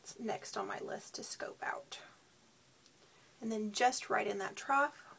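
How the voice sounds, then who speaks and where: A woman giving a casual beauty product demo, sounding tired and sleep-deprived, with a husky, creaky voice. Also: mid-range voice, unhurried, fairly bright tone, in a whisper. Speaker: beauty reviewer.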